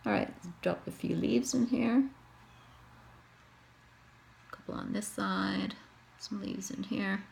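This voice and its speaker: Speaking slowly and pausing often, this Canadian-accented woman narrates a casual tutorial as she paints her own face, thinking out loud along the way. She has a medium-pitched, creaky, darkish voice, and a faint hiss or hum runs underneath.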